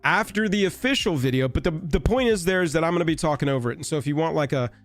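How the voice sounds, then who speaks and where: A man with a raspy, hoarse voice from being sick, hosting a casual live stream in a rambling, wry, offhand way. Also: on the high side, lively intonation, fast, a bit bright, soft background music.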